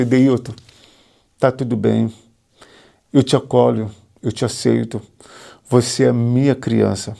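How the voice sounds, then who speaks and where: A man's voice: medium pitch, gravelly, dark tone. A Brazilian man, a psychotherapist, earnestly teaching and sharing his own story straight to the viewer, repeating himself and asking questions. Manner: earnest, repetitive, confessional. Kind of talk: teaching monologue to camera.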